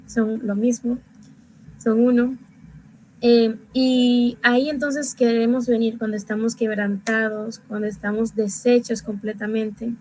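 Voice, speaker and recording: A young woman talks through her faith in a reflective, conversational way, her voice sitting a bit higher than most. She slows to an unhurried pace when reading verses aloud. A faint hiss of background noise sits under the recording. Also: steady tone, warm tone, rough recording. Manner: reflective, reads scripture aloud slowly and deliberately. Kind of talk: casual devotional sharing.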